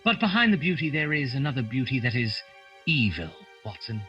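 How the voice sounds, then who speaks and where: A man's voice: mid-range voice, very animated, brisk, bright, forceful tone. A man playing Sherlock Holmes, a grave, dry, knowing detective in a radio drama. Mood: grave, ominous. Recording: dull lo-fi sound under music.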